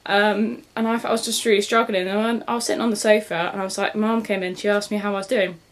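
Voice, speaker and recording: A woman's voice: medium pitch, little pitch movement, fast. A young woman chatting casually about books she read, rambling and correcting herself with frequent laughs. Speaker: book vlogger. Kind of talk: casual book review chat.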